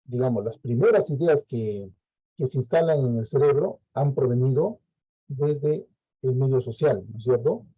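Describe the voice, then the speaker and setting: A man's voice: medium pitch, moderate pace, warm tone, breathy edge, dry recording, dull audio. A Peruvian man lecturing a class, explaining step by step and checking in with frequent "¿no?" tags. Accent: Peruvian Spanish. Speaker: teacher.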